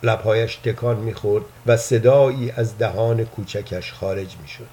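A man narrating a first-person story in a calm, measured reading voice. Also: lowish voice.

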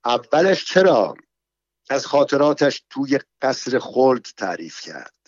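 A man's voice: mid-range voice, sing-song, dry recording. A man reading the lines of an angry young female cabaret dancer, in an indignant, complaining manner. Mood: sulky. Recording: dull, dry, slightly muffled sound.

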